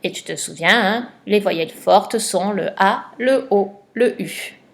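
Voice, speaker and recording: A woman's voice: medium pitch, unhurried, gravelly. Woman, primary teacher, recorded home lesson, patient, stretches words for dictation.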